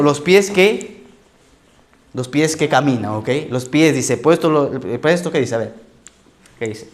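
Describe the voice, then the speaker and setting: A male pastor, preaching in a conversational sermon style and often checking in with "¿ok?". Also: on the high side.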